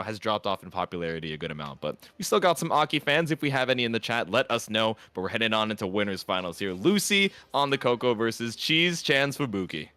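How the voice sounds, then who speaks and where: Male esports caster, bright tone, very animated pitch; analytical play-by-play with bursts of hype. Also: clear, resonant tone, dry recording. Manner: analytical, excitable, gamer slang. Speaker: esports commentator. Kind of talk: fighting game play-by-play commentary.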